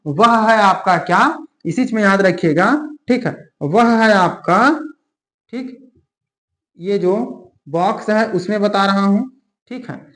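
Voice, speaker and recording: A man's voice: sits high, a bit bright. A man teaching an exam-prep grammar lesson, stretching key terms out word by word and checking in with the class constantly. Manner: drawls key terms slowly word by word, adds frequent check-ins. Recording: echoey room.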